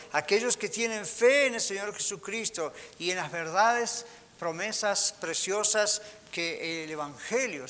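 Man preaching, high voice, bright tone, rhetorical questions, reverberant hall, faint hiss. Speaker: pastor. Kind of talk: sermon. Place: church hall.

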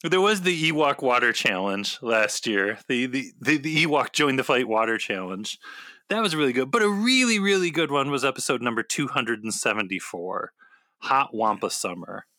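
A man's voice: mid-range voice, sing-song, moderate pace, bright, forceful tone, no room sound, studio quality. A man hosting a podcast in casual, playful chat, repeating phrases with mock seriousness. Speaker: podcast host.

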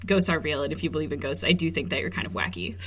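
A woman's voice: deep voice, rapid-fire. A woman co-hosting a casual podcast, teasing and rambling with plenty of "like", recorded under blankets in a small fort. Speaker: podcast co-host. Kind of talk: casual joking podcast chat.

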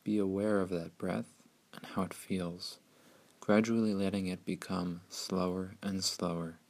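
A man narrating a scripted guided meditation in a soothing, hushed, unhurried way with long pauses. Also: low voice, flat delivery, gravelly.

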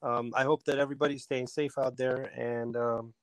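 A man in his forties from Albania, a soccer technical director, telling his story in a relaxed interview with plenty of ums and restarts. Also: mid-range voice, normal speed, no room sound, rough recording. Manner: hesitant, many ums and restarts. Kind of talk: casual interview talk.

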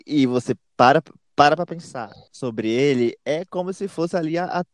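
Homem brasileiro camp e provocador. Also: male voice, fairly high pitch, normal speed, dry recording, studio quality. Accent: Brazilian. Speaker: podcast co-host. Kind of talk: casual comedic chat.

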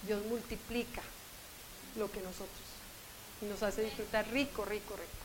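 A woman's voice: medium pitch, fairly even intonation, moderate pace, background noise. A woman preaching a sermon at a conference, emphatic and conversational, speaking straight to her listeners. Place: conference hall.

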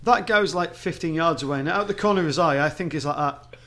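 A man's voice: on the high side, fast, crowd noise. A man with a northern English accent, co-hosting a podcast in casual, joking, rambling chat. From northern England. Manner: joking, rambling, often laughing. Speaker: podcast co-host.

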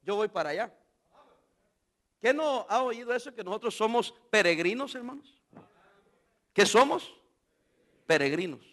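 Pastor guy preaching, really high bright voice, lots of questions to the church. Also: a little slow, long pauses. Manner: preaching with rhetorical questions to the congregation; animated, acts out quoted voices. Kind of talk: sermon.

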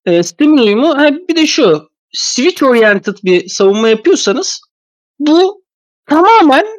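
A man's voice: very high-pitched, very animated, a little slow, no echo. A man sick with a cold, his voice thick and stuffy, giving casual, rambling basketball analysis as a podcast commentator. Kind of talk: casual sports analysis talk.

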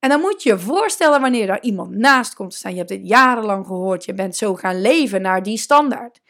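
This woman coach runs her podcast alone, and her mid-range voice is animated and a bit bright. She speaks casually with emphasis, easing her pace to underline points and slipping in English words.

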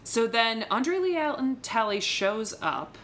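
A woman co-hosting a podcast, chatting casually as she recaps a TV episode and acts out quick quotes. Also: a little high, very animated, a bit bright, a little hiss or hum. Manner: chatty, narrates scenes with quick quoted asides. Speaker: podcast co-host.

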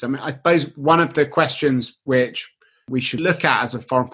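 A man moderating a think tank panel, asking questions in a fluent, measured way. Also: medium pitch, a bit bright. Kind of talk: panel discussion.

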